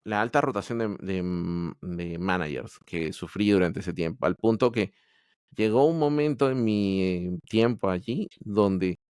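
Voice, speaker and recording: Low-pitched and darkish in tone, this Peruvian man speaks at a measured pace with a smooth voice. As an Android developer appearing on a podcast, he shares his story casually, candidly, and haltingly, often restarting; the studio-quality audio has no echo.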